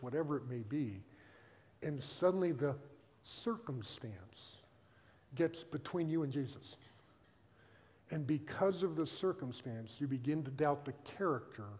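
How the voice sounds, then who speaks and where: A man preaching a sermon as pastor, telling the story with animated energy and acting out the characters in quotes. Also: medium pitch. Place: church sanctuary. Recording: long reverb of a church hall.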